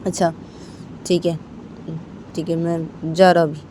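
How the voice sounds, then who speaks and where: A woman voicing an irritable, tomboyish young woman who talks in masculine forms, loud and snappy. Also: flat delivery, takes it slowly, a little hiss or hum. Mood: irritated. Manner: snappy, raised pitch and loud.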